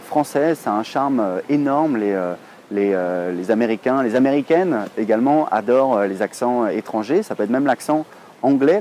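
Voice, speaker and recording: A French man in his thirties talks straight to camera in a loose, rambling vlog, filling pauses with hesitations as he goes. His voice is mellow and soft-edged, at an ordinary pitch for a man. Faint urban street noise sits behind him outdoors. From France. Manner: chatty, rambling, many hesitations. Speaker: online English teacher, blogger.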